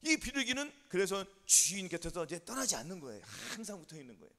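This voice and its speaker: A man preaching a sermon as pastor, telling a story with lively questions to the congregation. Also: high-pitched, quick pace. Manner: animated storytelling with call-and-response questions. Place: church sanctuary. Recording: long church hall reverb.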